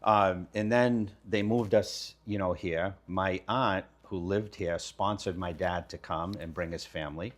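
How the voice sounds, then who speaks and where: Deep-voiced man in his fifties. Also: measured pace, hardly any pauses. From Lebanon. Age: 50s. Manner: relaxed, candid, talks with casual slang. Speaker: guest, kitchen design business owner. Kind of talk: casual storytelling.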